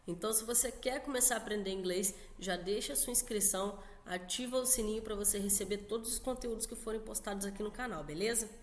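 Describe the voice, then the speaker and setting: A Brazilian woman teaching an online English lesson in a casual, chatty way, often checking in with quick tag questions. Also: mid-range voice, a little hiss or hum. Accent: Brazilian Portuguese.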